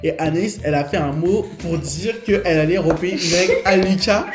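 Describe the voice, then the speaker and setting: A man's voice: high voice, normal speed. A young man telling a story in casual chat, acting out the dialogue with animation. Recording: roomy room with music behind.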